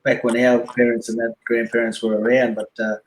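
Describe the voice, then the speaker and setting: A man's voice: mid-range voice, little pitch movement, brisk, echoey room, rough recording. A man with an Australian accent, a guest chatting casually and loosely, with many fillers and restarts. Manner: laid-back, rambling, many fillers. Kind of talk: casual yarn on a live stream.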